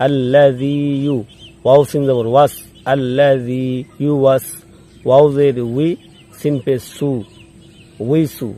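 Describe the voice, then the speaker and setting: Here a man guides a listener through Quran recitation, spelling out every letter and vowel sign, chanting the word slowly, and calmly repeating the rules. He speaks in a mellow, mid-range voice with a flat delivery.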